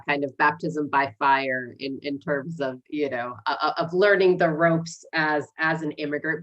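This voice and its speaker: This city council candidate, a woman in her forties who learned English as a second language, was born in Egypt and grew up in Canada and the US. Her low, fairly bright voice comes through lo-fi as she earnestly introduces herself in a livestream interview.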